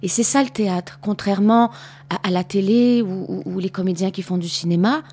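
Husky-voiced stage actress. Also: female voice, medium pitch, fairly quick, a little mellow. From Canada. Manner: patient, explanatory, repeats words for emphasis. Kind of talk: answering children's questions after a show.

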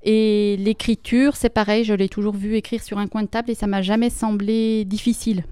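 A woman writer answering children's interview questions, thoughtful and plain-spoken, pausing with small fillers. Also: medium pitch, level tone, mellow, smooth, no echo.

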